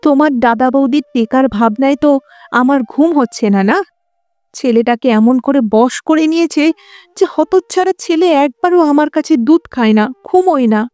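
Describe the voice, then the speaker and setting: An indignant young wife voiced by a woman narrator in a storybook reading, firing back bitter, reproachful retorts. Her voice sits fairly high yet mellow, recorded close and dry. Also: normal speed, no echo, lightly acted. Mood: angry. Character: indignant young wife and mother, sharp-tongued. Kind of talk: audiobook character voice.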